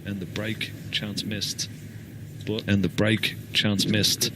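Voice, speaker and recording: A man giving hushed, low-key live snooker commentary in a measured, analytical and understated way. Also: flat delivery. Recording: noisy live broadcast with clicks and ambience.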